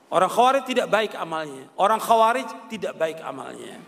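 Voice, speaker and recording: High-pitched preacher man in a hall. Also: sing-song, fairly quick, gravelly, fairly bright tone. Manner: rhetorical questions answered himself, repeats key phrases. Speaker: Islamic preacher. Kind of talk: religious lecture answering questions. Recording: reverberant hall.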